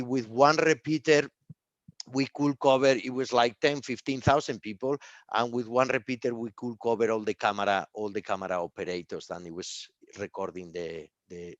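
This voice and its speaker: In a muffled recording with no echo, a non-native English-speaking man gives a live tech product presentation. He speaks haltingly in a mid-range voice, frequently repeating words and phrases.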